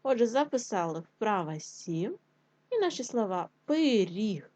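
Slow, patient woman teaching syllables. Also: mid-range voice, big pitch swings, dark tone, dry recording. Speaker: primary school teacher. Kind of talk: slow online lesson for young children. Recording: dull lo-fi sound.

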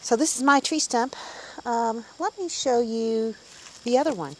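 Filmed outdoors on a handheld phone camera, this clip shows a woman in her fifties doing a chatty walk-and-talk vlog through the woods, musing aloud along the way. She speaks a little high and at a measured pace, with a faint hiss or hum in the audio.

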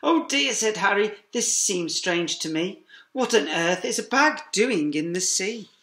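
In an echoey classroom, a middle-aged teacher with a high voice reads a rhyming picture book aloud to young children, unhurried and sing-song, with quiet asides along the way. It's recorded on a laptop webcam.

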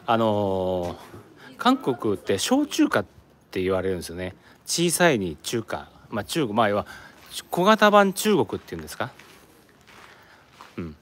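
A man's voice: on the low side, huge pitch swings, unhurried, fairly bright tone. A man from Japan chatting casually on a live stream while walking around an outdoor tourist site, rambling and answering viewer comments. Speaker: live streamer, office worker in Korea.

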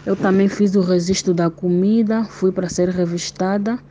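A woman recounts events in a steady, detailed voice message. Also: mid-range voice, moderate pace. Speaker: prisoner's wife giving testimony. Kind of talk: recorded voice-message account. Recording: dull lo-fi voice note, faint noise.

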